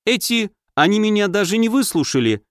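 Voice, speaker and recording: A man's voice: sits high, sing-song, fairly quick, no echo, pitched above the performer's own voice. A blunt, hot-tempered young foreign princess, as a male audiobook narrator puts her on, speaking with a strong foreign accent in a raised voice. The sound is close and dry. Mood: indignant. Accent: strong foreign accent in Russian, put on. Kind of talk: audiobook character voice.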